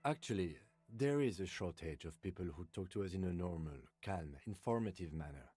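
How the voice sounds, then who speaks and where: A composed male police lieutenant in a game, formal and dry in every line. His voice is low, mellow and slightly husky, with faint music under it. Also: animated, brisk. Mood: calm.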